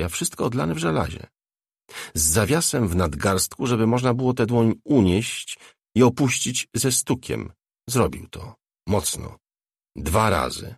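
A man narrating an audiobook in a calm, measured reading. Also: on the low side, breathy edge, no room sound, clean studio sound. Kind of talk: scripted narration.

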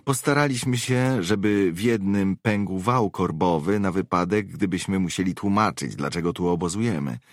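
A man voicing a tough female mercenary who reports in a brisk, matter-of-fact way, in an audiobook. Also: low-pitched, dry recording, clean studio sound, pitched above the performer's own voice. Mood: businesslike.

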